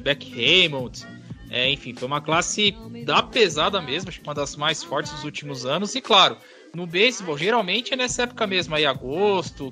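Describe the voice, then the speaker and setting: A man's voice: a little high, sharp tone. A man with a Brazilian accent co-hosting a podcast, chatting casually about sports. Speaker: podcast co-host.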